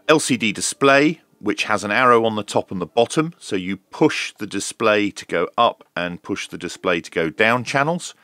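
A man with a lowish, sharp-toned voice gives a casual running commentary as he unboxes and reviews a product hands-on. He hosts a radio review channel, and there's no room sound.

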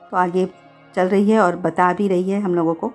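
A middle-aged woman gives a relaxed, chatty voice-over for her family's outing, linking each step with easy storytelling. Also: lowish voice, moderate pace, soft background music. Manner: chatty, easygoing storytelling with many "to" linkers. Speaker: family vlogger.

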